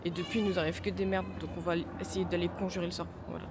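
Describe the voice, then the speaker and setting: A woman from France with a hoarse, raspy smoker's voice from a sore throat, chatting informally in a casual vlog. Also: lowish voice, level tone, fast, heavy background noise. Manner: informal, slangy. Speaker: travel vlogger.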